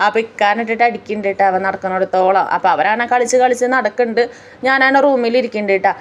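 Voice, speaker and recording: Fast-talking woman from Kerala. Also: mid-range voice, steady tone, highs cut off, slight background noise. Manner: chatty, tells the story step by step. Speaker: family vlogger. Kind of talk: casual voice-over narration.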